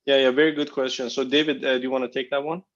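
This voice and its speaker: A man's voice: mid-range voice, little pitch movement, racing. A man, a company executive, answering analysts' questions on a conference call, speaking hesitantly with many fillers and restarts. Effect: conference call phone line. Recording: dull lo-fi conference line.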